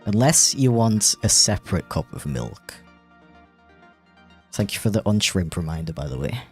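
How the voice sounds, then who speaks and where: A man's voice: fairly low pitch, very animated, moderate pace, husky, soft background music. A man streaming while he animates, chatting casually and rambling with a self-deprecating tone and lots of fillers. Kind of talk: casual livestream chat.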